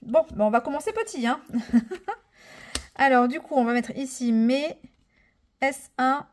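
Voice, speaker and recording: A woman in her thirties chatting casually through a budgeting vlog, full of fillers, enthusiastic and counting money out loud. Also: sits high, a little slow. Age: 30s. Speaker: budget vlogger.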